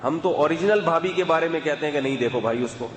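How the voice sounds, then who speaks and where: A man giving a conversational religious talk in a calm, chatty way, with asides to his audience. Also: a little high. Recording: echoey hall, faint background hum.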